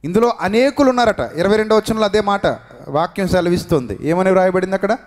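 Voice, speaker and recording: A male preacher delivering a sermon, swinging between raised, emphatic lines and hushed, quiet ones, and calling the congregation to repeat after him. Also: sits high, fast talker. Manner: leads the congregation to repeat phrases aloud. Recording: long reverberant hall sound.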